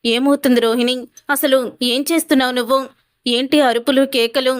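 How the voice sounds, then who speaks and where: A stern mother-in-law who scolds and demands answers, as a woman storyteller reads her out. The voice is high and smooth, recorded close and dry. She questions sharply and orders her family about. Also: steady tone, normal speed, dry recording, lightly acted. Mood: scolding.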